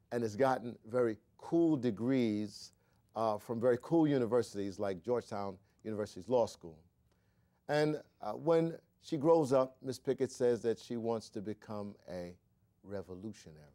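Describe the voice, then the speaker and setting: A male talk show host with a middle-pitched voice. He speaks in a measured way, with small hesitations between phrases as he introduces his guests. He sounds like he is in a studio. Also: warm tone. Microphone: studio microphone.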